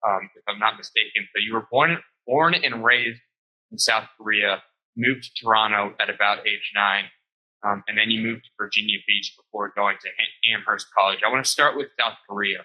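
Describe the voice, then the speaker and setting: A man's voice: on the low side, fairly even intonation, moderate pace, highs cut off. A man hosting an interview podcast, friendly and upbeat, with frequent ums. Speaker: podcast host.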